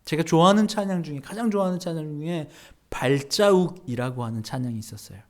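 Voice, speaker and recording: A man, a pastor, preaching an earnest sermon straight to his congregation, dropping to hushed near-whispers and then rising to emphatic peaks. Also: on the high side, fast. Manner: earnest, addresses the congregation directly.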